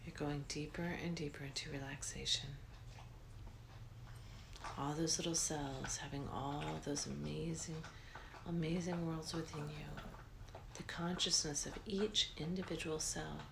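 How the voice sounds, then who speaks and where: A woman guiding a meditation in a soft, breathy near-whisper, slow and soothing, with long pauses. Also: sits low, fairly even intonation, background noise. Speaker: meditation guide.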